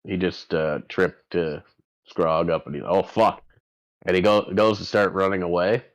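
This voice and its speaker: Male game master, notably deep, halting and casual tabletop narration. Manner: halting, thinking aloud.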